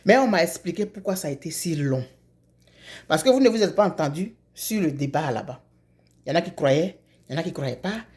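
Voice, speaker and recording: A woman voicing a patient, wise old man in a storytelling tale, with measured, reproachful explanation. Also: deep voice, expressive, a little mellow.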